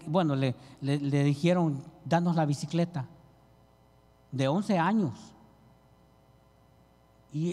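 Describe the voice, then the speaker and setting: Preacher guy, fervent and pleading, kinda high voice, long echo in the church. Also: mellow. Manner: fervent, pleading, addresses listeners as brother. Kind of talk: sermon. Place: church hall. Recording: reverberant church hall.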